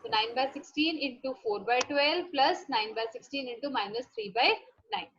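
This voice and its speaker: Female online maths teacher, North Indian accent, high pitch, explains step by step and asks check questions, muffled lo-fi call sound. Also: moderate pace, fairly bright tone, slight background noise. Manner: instructive, frequently checking understanding with questions. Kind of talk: online class lesson, mixing Hindi and English. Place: live online class call. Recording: dull lo-fi online class audio.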